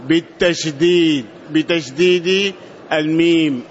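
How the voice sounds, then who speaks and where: A man reading a classical text aloud for a teacher in a lesson, halting and stumbling over names. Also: fairly high pitch. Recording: dull lo-fi lesson recording.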